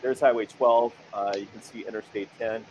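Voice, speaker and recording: A man's voice: fairly low pitch, steady tone, normal speed, dull audio, noisy background. A man giving live, unscripted commentary as he reads through places on a map.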